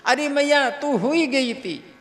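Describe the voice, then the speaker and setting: A man voicing a mischievous boy god in a devotional story, talking in a quick, teasing way. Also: very high-pitched, expressive, fairly bright tone, voice pushed up, full character voice. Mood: playful. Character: mischievous dark-skinned boy god, cheeky. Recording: hall reverb, faint music.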